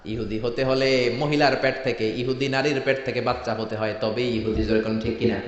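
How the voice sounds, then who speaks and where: A man preaching a sermon with a Bangladeshi Bengali accent, rousing the crowd and swinging between loud calls and soft asides. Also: medium pitch, fairly even intonation, normal speed. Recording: echoey hall, dull sound.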